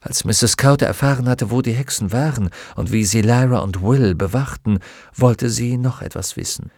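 A man narrating an audiobook in a measured, dramatic storytelling manner. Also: mid-range voice, a little mellow, no room sound, clean studio sound.

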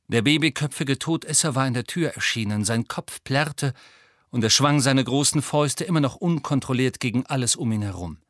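A man narrates a storybook in a measured, even way. His voice sits at a middle pitch. The recording is dry and close, with no room sound. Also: dry recording. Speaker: audiobook narrator. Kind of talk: scripted narration.

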